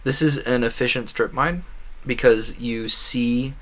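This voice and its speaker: Chatting over a game on his livestream, a video creator with a mid-range, fairly bright voice rambles along. He often breaks off, self-corrects and rephrases as he goes.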